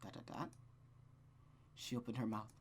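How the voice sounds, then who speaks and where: His voice is fairly low and flat, at normal speed, with slight background noise. The man is hosting a let's play, reading a visual novel aloud and breaking away into rambling, self-deprecating commentary while stammering a lot.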